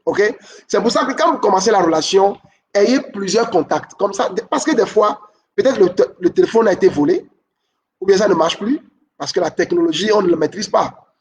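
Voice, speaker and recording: Coach, male, high voice, teaching style, keeps asking "ok?", a little off-mic. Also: animated, brisk, far from the mic, highs cut off. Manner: repeats key points, asks "ok?" often. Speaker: relationship coach. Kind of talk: teaching talk.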